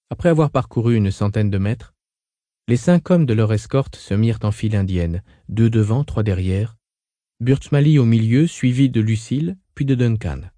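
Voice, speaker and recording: A man narrating a novel as an audiobook, reading in a steady, measured way. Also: lowish voice, no echo.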